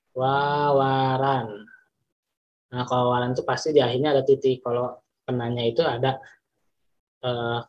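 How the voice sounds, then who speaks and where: Male teacher, Sundanese accent, repeats examples slowly, mid-pitched, slightly dull lo-fi sound. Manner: repeats examples slowly, stretching words for emphasis. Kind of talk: classroom lesson explanation.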